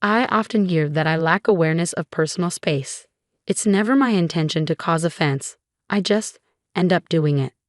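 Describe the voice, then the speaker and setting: A woman's voice: on the low side, normal speed, no echo, clean studio sound, natural voice. A woman voicing a polite young bride who stammers through flustered apologies, in a storybook reading. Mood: flustered apologetic.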